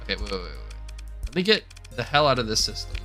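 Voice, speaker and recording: A man's voice: fairly low pitch, big pitch swings, fast talker, sharp tone, soft background music. A young man streaming a space strategy game, thinking aloud and mocking his own mistakes with frequent exclamations. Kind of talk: casual gameplay commentary.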